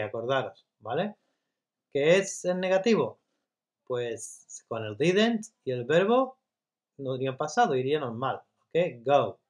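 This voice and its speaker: A man teaching English grammar step by step in Spanish, patiently checking in with his students and reading example sentences slowly. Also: mid-range voice, dull audio. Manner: patient, repeats checks like "¿vale?" and "¿de acuerdo?".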